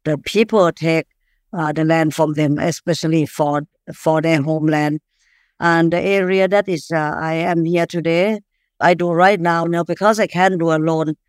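A woman from Thailand with a Thai accent, answering interview questions as an activist in halting, non-fluent English. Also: deep voice, fairly even intonation, no room sound, studio quality. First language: not English. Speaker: animal rights activist, interview guest.

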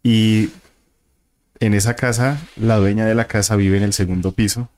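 A man's voice: fairly low pitch, steady tone, normal speed, darkish tone. A man, a guest telling a vivid story and acting out the voices and sounds in it. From Colombia. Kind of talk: casual storytelling of a paranormal experience.

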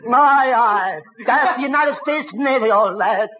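An actor playing a blustering, stammering fake naval officer who talks salty and muddled, in 1940s radio comedy style. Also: male voice, very high-pitched, a little slow, sharp tone, exaggerated voice. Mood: pompous. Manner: stammering, muddled, puts on salty sailor talk. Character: flustered, blustering man posing as a high naval officer. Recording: noisy muffled 1940s radio recording.

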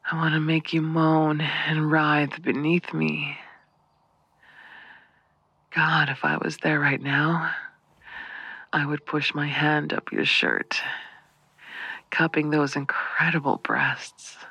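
A man performing an intimate audio roleplay in a soft, breathy half-whisper, slow and lingering. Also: a little high, level tone, no room sound, highs cut off.

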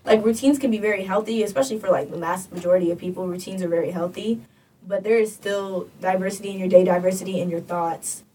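A woman's voice: medium pitch, fairly even intonation, quick pace, mellow, distant mic, slight background noise, low-quality recording. A woman co-hosting a podcast, chatting casually and thinking aloud with lots of "like". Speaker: podcast co-host. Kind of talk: casual chat.

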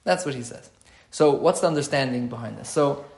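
A man's voice: medium pitch, a little fast, vocal fry, darkish tone, roomy sound. A man giving an informal text-study class, explaining step by step and often repeating and restarting his phrases. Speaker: Torah class teacher.

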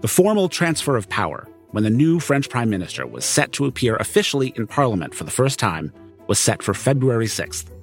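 A man's voice: medium pitch, sing-song, brisk. A man narrating a scripted documentary podcast in a conversational, storytelling style. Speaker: narrator and reporter. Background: music.

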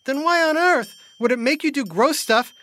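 Animated woman narrating kids' science show. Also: high-pitched, moderate pace. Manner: playful, theatrical. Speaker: host and narrator. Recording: music behind.

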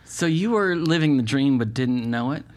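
A male comedy interview podcast host with a mid-range voice and moderate pace reads a playful scripted intro, then asks casual questions. His manner is lively and jokey, recorded on a studio microphone with headphones.

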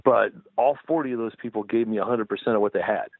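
Heard over a dry, tinny phone line with no echo, this guest is a middle-aged touring musician. He talks on the low side at a quick clip, wandering from point to point and tacking "right?" onto his statements.

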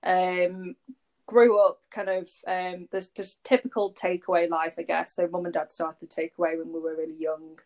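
A woman from Warrington, England, who founded an agency, rambles conversationally as a podcast guest, using lots of fillers in a casual interview. Her voice is fairly low and darkish, with a flat delivery at normal speed.

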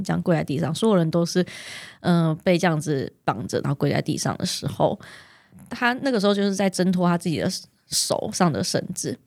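Woman, Taiwanese Mandarin accent, lowish pitch, casual interview storytelling, podcast guest, dry close sound. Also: a little mellow, no echo.

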